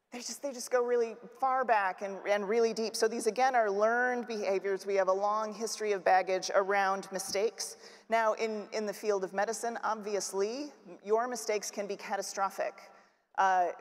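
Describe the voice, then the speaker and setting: Woman giving a keynote in a reverberant hall. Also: mid-range voice. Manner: conversational, with fillers and restarts. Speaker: keynote speaker. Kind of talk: conference keynote talk. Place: large conference hall stage.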